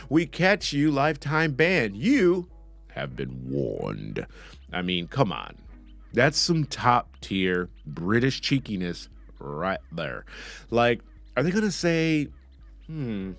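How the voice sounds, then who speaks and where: A male podcast host riffs through a sarcastic monologue, his pitch swinging up and down as he mocks the news. Faint music runs underneath. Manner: mocking, snarky, animated delivery.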